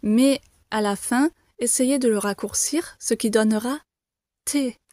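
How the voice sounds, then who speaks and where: A woman teaching the alphabet to beginners, saying each letter slowly and clearly, repeating it and reassuring learners. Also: fairly high pitch, warm tone, dry recording, clean studio sound. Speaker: French teacher. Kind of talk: slow, careful pronunciation lesson.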